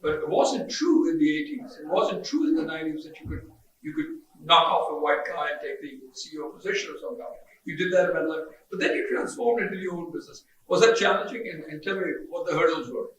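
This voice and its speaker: A man's voice: on the high side, expressive, fast, a bit bright. A man moderating a panel, chatty and joking, asking long winding questions. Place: large conference hall. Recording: echoey hall, distant mic.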